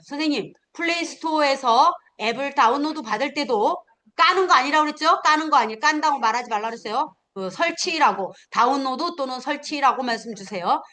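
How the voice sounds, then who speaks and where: A middle-aged woman teaching a class of future smartphone instructors, animated, acting out learners and firing off questions. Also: high-pitched, brisk. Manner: animated, acts out learners and scolding, punchy questions. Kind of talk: lively classroom lecture.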